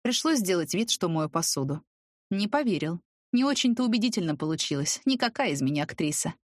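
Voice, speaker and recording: Female audiobook reader, soft even first-person narration, dry close recording. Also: lowish voice, brisk, dry recording.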